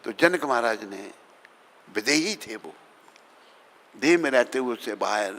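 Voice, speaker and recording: A man's voice: mid-range voice, expressive, unhurried, fairly bright tone. A man, a swami, giving a devotional sermon with stories, speaking emphatically and calling out questions to his audience. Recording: reverberant hall sound.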